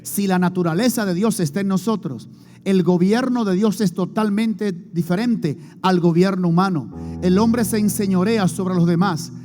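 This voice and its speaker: High-voiced preaching man in a reverberant hall. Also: moderate pace, warm tone. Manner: emphatic preaching with call-and-response prompts to the congregation. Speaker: pastor. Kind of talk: sermon. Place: church hall before a congregation. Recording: long hall reverb, faint music behind.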